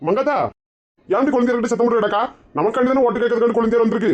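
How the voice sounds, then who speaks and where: A woman's voice: a little high, fairly even intonation, racing, a little mellow, highs cut off, voice pushed down, close to an everyday voice. A woman voicing a meek middle-aged husband with a Kanyakumari Tamil accent, pleading and coaxing. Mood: defensive.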